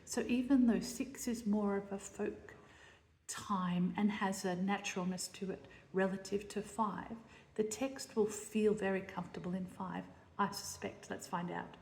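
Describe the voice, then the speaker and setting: A woman composer teaches a lesson on setting text to music, working through her ideas aloud and frequently checking in with her listeners. Her voice is medium-pitched, creaky and slightly mellow, with fairly even intonation and a measured pace. The recording sounds like a roomy space with long reverb.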